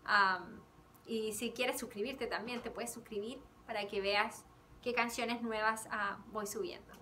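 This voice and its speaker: A high-voiced woman from Chile, a kindergarten teacher, slowly leads a bilingual song lesson indoors, her tone steady yet sharp. She switches between Spanish and English while singing with a ukulele. The camera stands a few feet away, leaving her far from the mic with a little hiss or hum.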